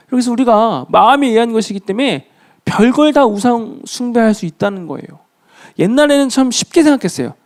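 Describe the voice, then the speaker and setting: Youth pastor, male, quick high voice, animated sermon that keeps calling out to the room. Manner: lively preaching, acting out little dialogues; addresses listeners often.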